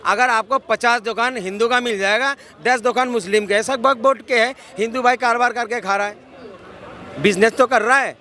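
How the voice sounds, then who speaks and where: A man's voice: extremely high pitch, fairly even intonation, a little fast, bright, forceful tone. A man arguing insistently in a street interview, cutting in to be heard. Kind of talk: heated street debate. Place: outdoors on a city street. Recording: street crowd behind. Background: crowd of bystanders.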